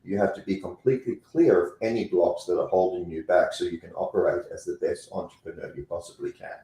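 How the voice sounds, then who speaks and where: A low-pitched, warm-toned man with a South African accent, the president of a company, talks briskly and emphatically as an interview guest, repeating phrases to make an impact. The low-quality recording has a roomy sound.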